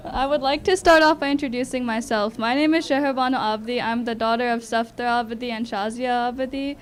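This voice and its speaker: A young woman with a high voice gives an acceptance speech as a student. Her delivery is personal and light-hearted. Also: steady tone, a little fast.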